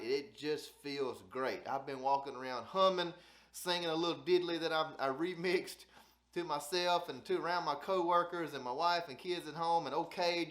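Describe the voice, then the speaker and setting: A man's voice: a little high, a bit bright, echoey room. A man with a Southern Alabama accent gives a casual, folksy instructional talk, repeating phrases for emphasis as he hosts. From South Alabama, United States. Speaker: host of a duck hunting channel.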